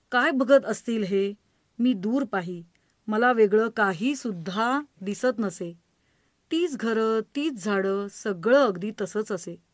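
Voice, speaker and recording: A woman presenting and reciting poems in a measured way, repeating lines for effect. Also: medium pitch, no room sound, clean studio sound. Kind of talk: poetry recitation.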